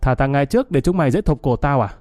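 A man playing a cocky young thug who taunts and threatens in a theatrical way. His voice is dark and mellow, and it sounds dry and close. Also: mid-range voice, expressive, fast, no room sound, soft background music, lightly acted. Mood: menacing, mocking. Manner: menacing, showy, theatrical. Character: swaggering young street thug with flowery speech.

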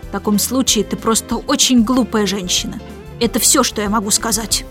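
A woman voicing a grumbling middle-aged father in a storybook reading, loud and hurried. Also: fairly high pitch, faint music behind, lightly acted. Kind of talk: audiobook character reading.

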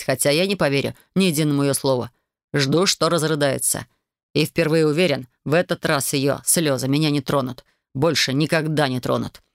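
A man's voice: on the high side, a bit bright, no room sound, clean studio sound. Man narrating a brooding audiobook. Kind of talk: first-person audiobook narration.

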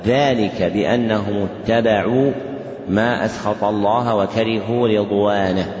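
A male Islamic scholar giving a dictated religious lesson in a large mosque, speaking in measured phrases and repeating each one twice, with scripture lines chanted slightly. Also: on the low side, steady tone, a little mellow. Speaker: Islamic scholar teaching a class. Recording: echoey, dull lo-fi hall recording.

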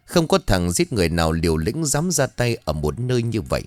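Low-voiced man telling a ghost story. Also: brisk, no echo. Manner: suspenseful, expressive storytelling. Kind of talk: scripted ghost story narration.

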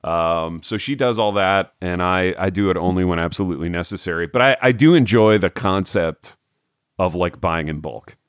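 A man co-hosting a podcast in casual chat, laid-back and drawn-out, trailing off quietly, and short on sleep. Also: sits low, smooth, dry recording, clean studio sound. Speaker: podcast co-host.

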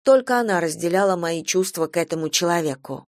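A woman's voice: fairly low pitch, brisk, dry recording. Wry woman narrator, dry sound. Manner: wry, ironic. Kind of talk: storytelling narration.

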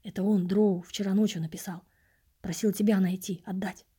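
A woman reading an audiobook, voicing a hunched homeless man who speaks in a subdued, pleading hush. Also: mid-range voice, steady tone, moderate pace, breathy edge.

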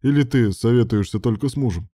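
A man's voice: mid-range voice, fast talker, mellow, no echo, clean studio sound, close to an everyday voice. A man voicing an insecure, passionate young male patient who speaks in a hurt, insistent way.

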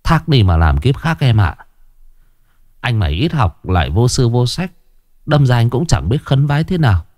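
A man voicing a clumsy, earnest young night guard who prays in a rough, rambling, folksy way. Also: mid-range voice, big pitch swings, moderate pace, darkish tone, no room sound, clean studio sound, lightly acted.

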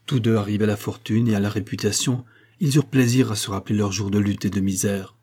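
A male narrator reading a classic novel aloud in a measured, even storytelling voice. His tone is low and dark, with a mellow warmth and a husky grain. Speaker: audiobook narrator.

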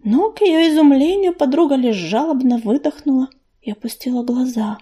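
Woman audiobook narrator, high, mellow tone, calm and expressive. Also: moderate pace, breathy edge. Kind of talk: scripted narration.

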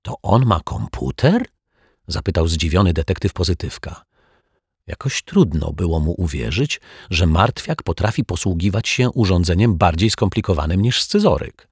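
A male storyteller reads a children's tale in a calm, measured way. His voice is very husky and deep, and the recording is close and dry. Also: dry recording. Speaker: narrator. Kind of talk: audiobook storytelling.

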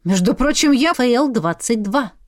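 A woman's voice: a little high, expressive, moderate pace, no room sound, studio quality, natural voice. A woman voicing a vain, mocking young man who snorts and teases. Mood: offended. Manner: snorting, teasing.

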